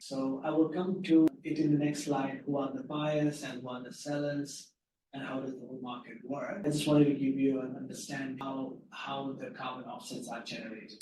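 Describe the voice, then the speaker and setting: A soft-spoken man giving a slide presentation, explaining his points in an unhurried way. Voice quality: soft-spoken, low volume. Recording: echoey room, far from mic, faint hum.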